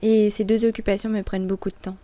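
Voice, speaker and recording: A man's voice: high voice, flat delivery, fast, heavy background noise, voice pushed up, lightly acted. A man voicing a stiff, formal talking kitchen creature that is also a dishwasher. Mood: prim.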